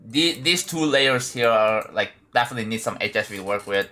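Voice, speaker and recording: Speaking a little fast, this Indonesian-accented man keeps up casual talk with his stream audience, reasoning out loud about the level he's building amid fillers and false starts. His voice sits on the low side, expressive, bright and forceful.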